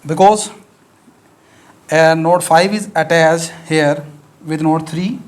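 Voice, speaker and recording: A man speaks English with an Urdu accent, his first language being Urdu, while giving a maths lecture. He takes it step by step, with plenty of pauses and fillers. His pitch is fairly high and his intonation fairly even.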